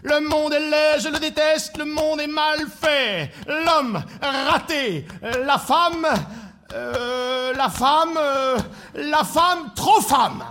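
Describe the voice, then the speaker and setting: A man's voice: extremely high pitch, very slow, pushed and bright, voice pushed up, full character voice. A man voicing a gloomy, grumpy man who grumbles in a whiny, repetitive way. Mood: grumbling.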